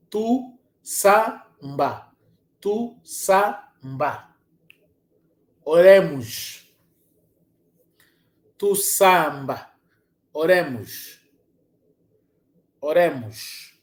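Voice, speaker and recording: A language teacher gives a spoken lesson, repeating each word slowly several times. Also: mid-range voice. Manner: drills each word by slow repetition. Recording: roomy echo.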